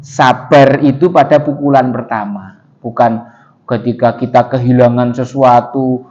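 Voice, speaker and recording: A man giving a lively storytelling sermon in a mosque, asking the congregation questions. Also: mid-range voice, measured pace, highs cut off. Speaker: preacher.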